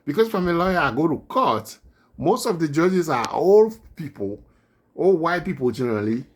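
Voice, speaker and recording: A man's voice: on the high side, breathy edge. A man with a non-native accent in English, giving indignant political commentary on his own vlog and repeating his points. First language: not English.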